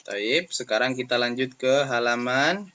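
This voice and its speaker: An Indonesian-accented man teaches Arabic to young pupils. He stretches out sounds and repeats words in emphatic drills. His voice is bright and slightly high, his pace very slow, and the recording is dull and lo-fi. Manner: drawn-out, emphatic pronunciation drills. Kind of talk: classroom lesson video.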